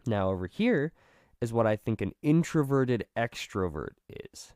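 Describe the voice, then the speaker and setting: A man with vocal fry, just over being sick, giving a casual, rambling explanation and often correcting himself. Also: mid-range voice, expressive, measured pace, darkish tone, dry recording, studio quality. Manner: rambling, self-correcting, self-deprecating. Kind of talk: casual, informal explanation at a drawn diagram.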